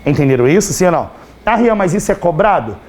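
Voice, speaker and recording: A man with a Brazilian Portuguese accent teaching grammar in a live class, chatty and teasing, constantly checking whether students understood, his voice slightly hoarse. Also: high-pitched, animated, fast talker, darkish tone.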